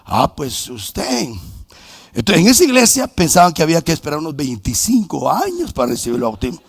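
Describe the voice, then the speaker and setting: A middle-aged male pastor preaches from the pulpit, telling his own story through quoted dialogue. His voice is gravelly and sits a little high, climbing into bursts of shouting. The sound is close and dry. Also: wildly swooping pitch, a little fast, no room sound. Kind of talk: sermon. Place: church sanctuary.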